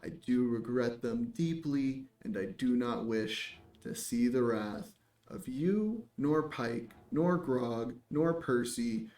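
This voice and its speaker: A man's voice: a little high, normal speed, hardly any pauses, natural voice. A man voicing a flustered male bard who pleads and apologizes in an overly formal way. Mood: groveling. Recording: echoey room, mic far off.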